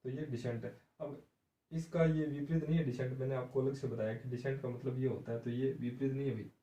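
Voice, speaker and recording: A male teacher gives an exam-prep English vocabulary lesson, explaining slowly and spelling words out letter by letter. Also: mid-range voice, steady tone, warm tone. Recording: echoey room, voice from a distance.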